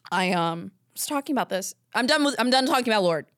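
A woman's voice: a little high, lively intonation, moderate pace, a bit bright, dry recording, studio quality. A woman hosting a podcast alone, talking in a rambling, candid, casual way and swearing now and then. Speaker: podcast host. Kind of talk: casual solo chat.

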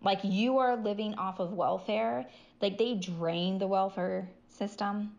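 A woman's voice: medium pitch, fairly even intonation, a little slow, vocal fry, darkish tone, muffled recording. Blunt, profane young woman chatting. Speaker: podcast co-host. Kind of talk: casual chat.

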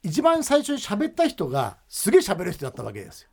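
A man in his fifties speaks with a broad Akita dialect accent, chatting as a guest. He rattles along at high speed with a husky, lively voice, full of jokes and asides. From Akita, Japan. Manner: fast, talkative, joking. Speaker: guest, TV writer. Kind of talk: casual chat.

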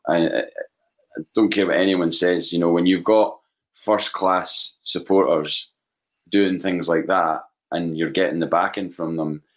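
A Scottish man in his forties talking casually about football in a halting, repetitive way as a podcast panellist. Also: low voice. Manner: halting, repeats words.

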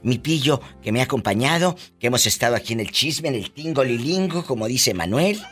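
A Mexican woman hosts a gossip show with a theatrical, teasing delivery. Her pitch swings widely as she talks, and she sounds quick to react. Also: animated, faint music behind. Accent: Mexican Spanish. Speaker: podcast host.

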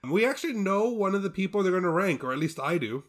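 Talking fast in a voice that sits high, a young podcast co-host in his twenties keeps his intonation lively. He jokes casually, playing up mock titles with playful pomp.

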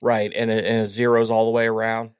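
A man's voice: fairly low pitch, completely flat delivery, quick pace, smooth, no echo, studio quality. A man hosting a podcast, swapping dad jokes and stories in a jokey, self-mocking way. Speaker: podcast host. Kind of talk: casual chat, trading dad jokes.

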